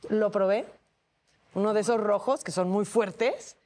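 A Mexican woman in her thirties on a talk show panel, telling personal stories in an animated way and acting out the voices she quotes. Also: medium pitch, unhurried. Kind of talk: casual chat.

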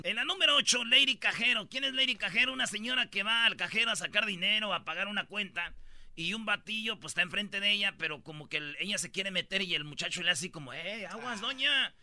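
Man, Mexican accent, high and very bright voice, slangy jokey host, dry close sound. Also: fast, no echo. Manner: joking, slangy, lively storytelling. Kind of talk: comic news countdown banter.

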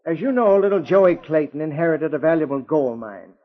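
An actor playing a formal police inspector giving orders in an official, measured way in an old-time radio drama. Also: male voice, fairly high pitch, animated, natural voice. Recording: muffled vintage radio recording.

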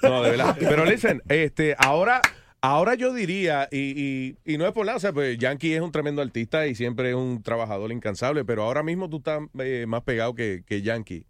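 A man's voice: medium pitch, expressive, fairly quick. A man hosting a casual interview, joking and dropping English phrases into his talk. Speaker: interview host.

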